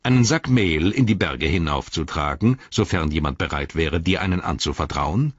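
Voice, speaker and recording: A man playing a proud young warrior, mocking in a slowed, raised voice. The voice is husky and the recording dry and dull. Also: sits low, expressive, no room sound. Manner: mocking, slow.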